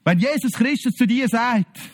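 Swiss German man preaching, high voice, very lively pitch, animated storyteller. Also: moderate pace. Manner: animated, acts out the Bible scenes in quoted voices. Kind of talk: sermon.

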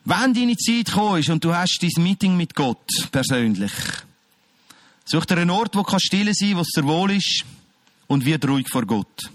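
A male preacher with a notably high voice. He speaks emphatically and addresses listeners directly, moving between loud calls and quiet, close passages. The sound is dry and close, with no room echo. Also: very animated, normal speed. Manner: emphatic, swings from shouting to quiet. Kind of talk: sermon.

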